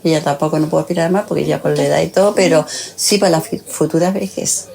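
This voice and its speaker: A woman of almost eighty giving a candid, halting answer in an interview. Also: sits low, fairly even intonation, vocal fry, darkish tone. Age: about 80.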